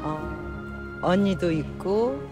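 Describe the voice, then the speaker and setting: A woman's voice: lowish voice, expressive, extremely slow, music in the background. A woman in her sixties speaking casually as an interview guest, sharing personal testimony into a handheld phone indoors. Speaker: interview guest, church member. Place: indoor hotel lobby lounge. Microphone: phone held near the mouth by interviewer.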